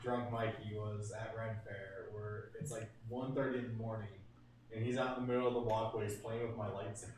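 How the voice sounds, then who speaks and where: A man's voice: on the low side, flat delivery, brisk, darkish tone. A man joins the chat from a distance and tells a wry story about a friend. He sounds far off the mic, in a heavily echoing room. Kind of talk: casual chat.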